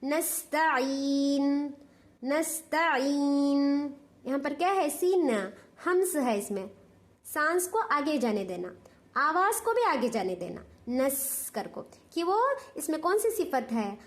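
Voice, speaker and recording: A woman's voice: high-pitched, sing-song, unhurried. A woman teaching Quran recitation rules with a Hyderabadi Urdu accent, explaining step by step, patient and repetitive, checking that her students understand.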